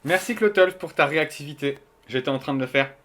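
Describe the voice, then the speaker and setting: Excitable young man streaming a game. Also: on the high side, brisk. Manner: excitable, swears often, chatty with fillers. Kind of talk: casual gameplay commentary to chat.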